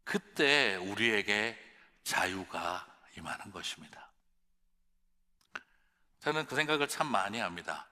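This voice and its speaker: A male pastor preaching an evening sermon, swinging from hushed whispers to loud outbursts. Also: lowish voice, expressive, measured pace, long pauses. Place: large church or conference hall. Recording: reverberant large hall.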